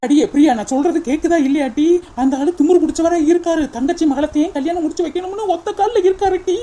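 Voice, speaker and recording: A woman voicing a caring middle-aged village woman in a cartoon, lamenting and scolding gently in Kanyakumari Tamil. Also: very high voice, quick pace. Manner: hesitant then lamenting, calls her "di". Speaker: cartoon character. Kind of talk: cartoon voice acting.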